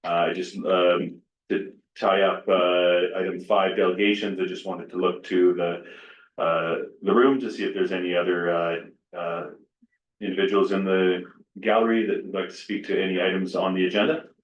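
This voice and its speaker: A deep-voiced man chairs a formal meeting in a halting, hesitant way. He is picked up from a distance in an echoey room, and the sound is somewhat dull. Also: flat delivery. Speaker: deputy mayor chairing a council meeting. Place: indoor council chamber.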